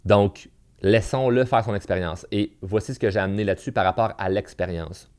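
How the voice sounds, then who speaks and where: A man with a Quebec French accent hosting a podcast, telling anecdotes in a casual, animated way full of fillers and restarts. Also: on the low side, a little fast, clean tone. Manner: animated storyteller with many fillers and repeats. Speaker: podcast host.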